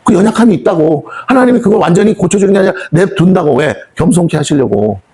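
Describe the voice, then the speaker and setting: A middle-aged man preaching a sermon with a slightly husky voice. He talks fast and pitched a bit high, chatting with the congregation, asking questions and acting out what people say. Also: expressive, dark tone. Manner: conversational, asks the congregation questions and acts out quoted speech. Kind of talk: sermon at a prayer meeting. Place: prayer house hall.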